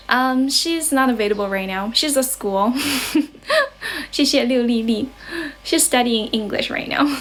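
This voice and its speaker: A young Chinese woman with a Chinese accent who teaches English, chatting casually on a livestream from her grandmother's house. She keeps rephrasing and translating herself between English and Chinese, and she sounds a little unwell and low on energy. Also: a little hiss or hum. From China.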